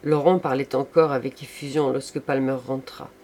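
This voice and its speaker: A man narrating a classic novel in a measured, literary audiobook style. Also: mid-range voice, fairly even intonation, a little mellow.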